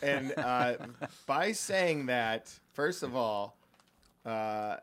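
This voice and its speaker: A man's voice: mid-range voice, expressive, drawn-out words, fairly bright tone, a little hiss or hum. A young man on a podcast, telling a rambling story in casual chat with many fillers and restarts. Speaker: podcast co-host.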